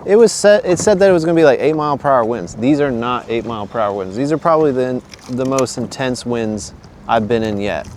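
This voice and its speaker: A man's voice: mid-range voice, a little fast, darkish tone. Man vlogging casually outdoors on windy water. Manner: informal, addresses viewers as guys. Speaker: fishing vlog host. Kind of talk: casual talk to camera from a kayak. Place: outdoors on open water in a kayak, strong wind at times.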